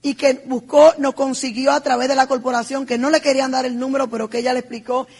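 Husky middle-aged woman testifying. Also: high-pitched, little pitch movement, fast talker, a little mellow. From Dominican Republic. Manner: heartfelt storytelling, emphatic and repetitive. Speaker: business speaker. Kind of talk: personal testimony speech.

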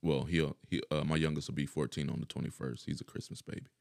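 A man's voice: rumbling low, flat delivery, quick pace, creaky, a little mellow, dry recording, studio quality. A middle-aged man chatting casually as a podcast guest, laid-back and profane, laughing often.

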